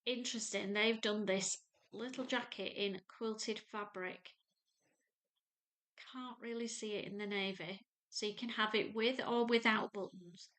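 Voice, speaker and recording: In a fairly bright, medium-pitched voice with fairly even intonation, a North Lancashire woman in her fifties vlogs about sewing from her home sewing room in England. Her casual chat to camera and screen walkthrough feel homely, chatty and unhurried.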